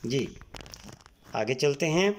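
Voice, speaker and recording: A man's voice: medium pitch, lively intonation, slight background noise. A man from Pakistan, teaching a textbook exercise patiently and spelling words out letter by letter. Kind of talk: Urdu textbook exercise lesson.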